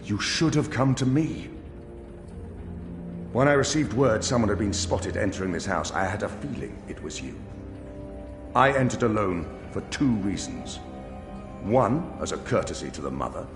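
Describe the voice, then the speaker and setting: An actor playing a stern, proud general in a video game, speaking in a grave, formal, commanding way. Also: male voice, low voice, heavily acted. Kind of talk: dramatic video game acting. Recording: reverberant hall with music.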